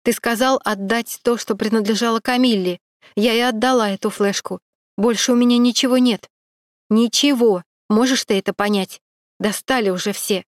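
A woman voicing a frightened young woman who hides her fear behind sharp, defiant retorts. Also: mid-range voice, steady tone, normal speed, no echo, studio quality, lightly acted.

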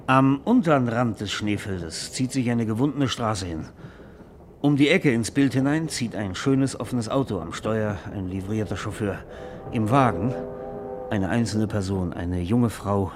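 In a German radio play, an actor portrays an eager, self-absorbed screenwriter and romantic dreamer, speaking in a florid, rhapsodic, theatrical way. His natural male voice is fairly low and darkish, with a little hiss or hum.

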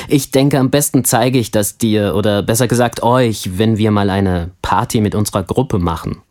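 A man playing a friendly young family man in a language course, answering interview questions in a scripted textbook dialogue with calm, clear speech. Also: lowish voice, moderate pace, natural voice. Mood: friendly, relaxed.

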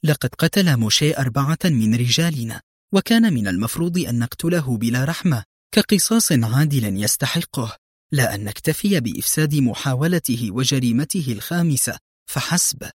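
An earnest young female agent, as a man reads her part, voicing her doubts thoughtfully in an audiobook thriller. The voice stays near a man's middle pitch. The recording is dry. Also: animated, brisk, breathy edge, no room sound. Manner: earnest, troubled.

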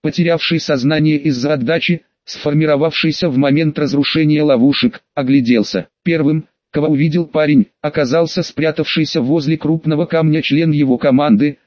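A man reading a fantasy audiobook in steady, dramatic scripted narration. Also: fairly high pitch, brisk, hardly any pauses, no room sound, lo-fi sound.

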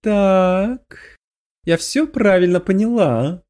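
Man doing a raised, lively voice for a wry young demon woman, audiobook. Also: sits high, unhurried, voice pushed up, heavily acted.

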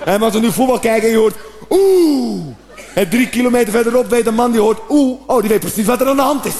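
A man doing a stand-up comedy routine, animated, with sudden shouted outbursts and acted-out noises. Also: extremely high pitch, rapid-fire.

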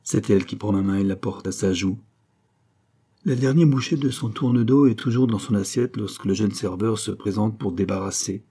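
Husky low-voiced male narrator. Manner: calm, measured storytelling. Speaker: audiobook narrator. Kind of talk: scripted first-person novel narration.

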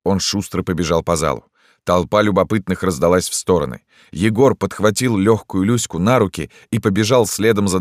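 A man narrating an audiobook in an expressive, dramatic way. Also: low voice, dry recording, studio quality.

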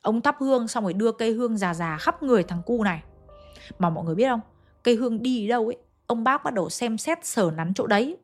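A woman's voice: a little high, animated, quick pace, faint music behind. A woman telling a ghost story, speaking directly to her listeners in a chatty way.

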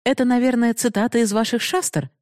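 A woman's voice: a little high, steady tone, brisk, a little mellow, no echo, pitched above the performer's own voice, natural voice. Woman doing a proud young woman begging for love, emotional and bitter, dry close read. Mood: pleading, bitter.

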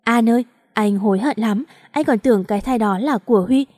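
A woman's voice: a little high, fairly quick, a little mellow, dry recording, clean studio sound, natural voice. A woman voicing a heartbroken young husband who speaks bitterly and accusingly, choked with regret. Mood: tearful.

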